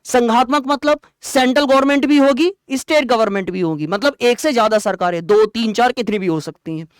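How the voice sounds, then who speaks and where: A male teacher giving an online exam-prep lecture, explaining terms plainly and quizzing students with quick rhetorical questions. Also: very high-pitched, smooth, dry recording, studio quality.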